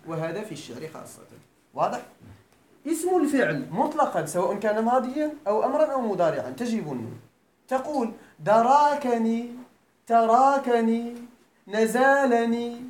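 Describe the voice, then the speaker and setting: Lively Moroccan man teaching grammar. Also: sits high. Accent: Moroccan Arabic. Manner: keeps quizzing students and checking they follow. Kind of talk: classroom lecture. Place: lecture room at a Quran school. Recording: echoey room, faint background noise.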